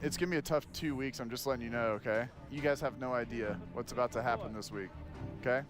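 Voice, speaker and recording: A man's voice: medium pitch, fast, music in the background. A man on a call boasting and making cocky threats. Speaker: scam caller.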